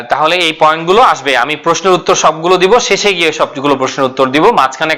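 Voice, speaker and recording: A man leads an online grammar class. His voice sits a little high and sounds bright and forceful. He explains step by step, asks questions and answers them himself, and repeats key points. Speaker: English grammar teacher.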